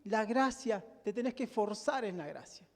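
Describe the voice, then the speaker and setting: A man's voice: sits high, lively intonation, moderate pace, a little mellow. A male pastor with a Rioplatense Spanish accent preaching a sermon, emphatic and full of rhetorical questions to the congregation. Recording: long hall reverb.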